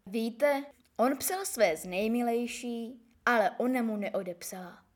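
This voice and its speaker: A woman doing a hollow-voiced mournful gentleman. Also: a little high, expressive, voice pushed down. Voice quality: hollow, sepulchral voice. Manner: slow, mournful.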